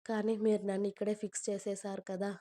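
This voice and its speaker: A woman's voice: mid-range voice, level tone, fast talker, warm tone, natural voice. A woman voicing a sweet young college girl who pouts and sulks with her boyfriend in a storybook reading. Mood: complaining. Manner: sweet, pouting.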